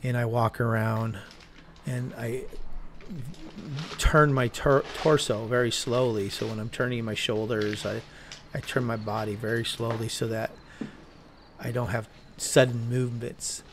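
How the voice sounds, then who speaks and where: Slow, gravelly man exploring at night. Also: mid-range voice, level tone, background noise. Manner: slow, rambling, self-correcting. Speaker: urban explorer vlogger. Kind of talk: casual walkthrough narration. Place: abandoned desert building at night, indoors and out. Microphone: chest-mounted camera.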